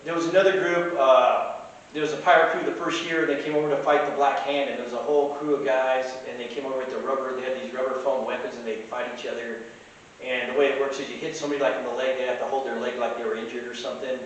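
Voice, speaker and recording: A middle-aged tavern keeper tells a rambling, casual anecdote inside his tavern, full of fillers and restarts. His mid-range voice is flat and fast, and the recording sounds very echoey and distant with a faint hiss.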